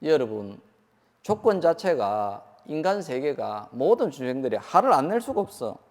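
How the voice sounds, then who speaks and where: Korean monk preaching in a reverberant hall. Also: male voice, mid-range voice, very animated, moderate pace, a little mellow. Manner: asks the audience questions, acts out quoted lines. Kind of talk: sermon.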